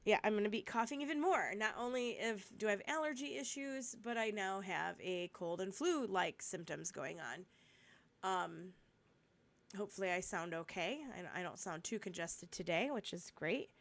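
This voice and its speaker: A woman with a cold and a cough, talking through a Bible study in a chatty, rambling way, with asides and restarts, and reading the verses slowly and steadily. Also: mid-range voice, a bit bright. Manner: reads scripture slowly and steadily. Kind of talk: casual Bible study talk.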